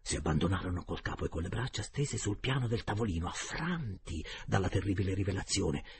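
A man narrating a story aloud with dramatic, animated delivery that slips into whispers. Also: sits low, fairly quick, breathy edge. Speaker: audiobook narrator. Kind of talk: storybook reading with voices.

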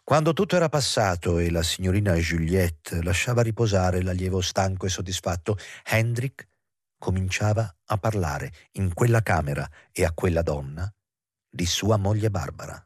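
A man reading a novel aloud in a measured, expressive audiobook narration. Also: sits low, breathy edge, no echo, studio quality.

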